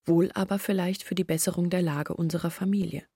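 Speaking fairly quickly with a warm, husky, lowish voice and fairly even intonation, an actress delivers a monologue in a German literary radio drama. Her character, a troubled young woman, tells of her family's long hardship with earnest weariness, in long reflective sentences. The sound is studio quality, with no room sound.

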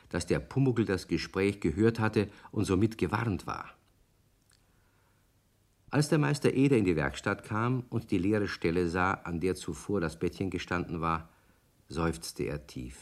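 A man narrating a children's radio play in a storyteller's manner. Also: deep voice.

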